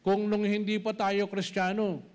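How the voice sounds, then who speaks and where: A man's voice: high voice, flat delivery, measured pace, a little mellow, clear, resonant tone. A middle-aged man with a Filipino accent preaching a sermon, mixing Tagalog and English and calling his listeners brothers and sisters. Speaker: pastor.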